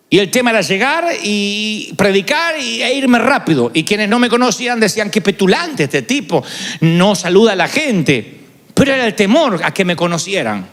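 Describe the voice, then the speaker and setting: A man's voice: high-pitched, fairly bright tone. A man preaching a sermon in a large hall, dramatic and storytelling, acting out quoted voices. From Argentina. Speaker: pastor. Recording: large hall with long reverb.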